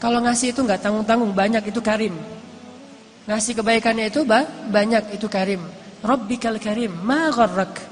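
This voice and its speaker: A man's voice: sits high, brisk. Man preaching in an echoing hall. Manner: conversational storytelling, rising into emphatic peaks and dropping to hushed lines. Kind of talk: sermon. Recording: lecture hall with long reverb and faint noise.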